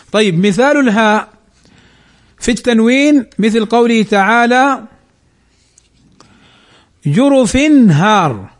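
A man teaching Quran recitation rules, asking questions and slowly drawing out recited examples. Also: very high-pitched. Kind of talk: slow Tajweed lesson.

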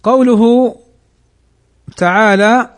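A man teaching Quran recitation rules, asking questions and slowly drawing out recited examples. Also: extremely high pitch, fairly even intonation. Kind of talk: slow Tajweed lesson.

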